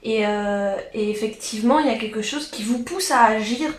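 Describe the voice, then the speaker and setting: Woman doing a tarot reading, lots of fillers and restarts, reverb from the room, voice a bit high. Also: normal speed. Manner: hesitant, many fillers and restarts. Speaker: tarot card reader. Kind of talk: casual spoken tarot reading. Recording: echoey room.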